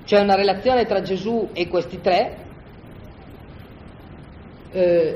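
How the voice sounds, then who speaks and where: This medium-pitched Bible study teacher delivers a casual lecture on scripture to a group in a room, often pausing to ask "no?". He's conversational and animated, restarting as he explains. The recording is roomy, dull and lo-fi, with faint ambience and slight background noise.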